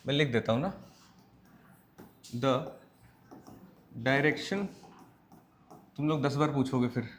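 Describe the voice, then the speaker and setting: A man's voice: medium pitch, steady tone. A man with an Indian accent teaching physics, mixing Hindi and English, checking in with his students and dictating notes word by word. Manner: mixes Hindi and English, asks students frequent check questions; slow, word-by-word dictation while writing. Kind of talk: classroom lecture.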